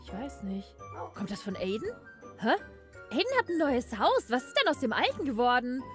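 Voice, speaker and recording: Excitable young woman with a high, bright voice. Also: soft background music. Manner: excitable, quick questions and exclamations. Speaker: YouTuber playing a Minecraft roleplay. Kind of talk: playful game roleplay chat.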